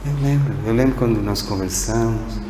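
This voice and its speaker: A Brazilian man giving a spiritist lecture, posing one rhetorical question after another and sometimes speaking softly to a single listener. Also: fairly low pitch, moderate pace. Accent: Brazilian Portuguese. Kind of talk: sermon-like lecture. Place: spiritist center hall. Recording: echoey hall with faint background noise.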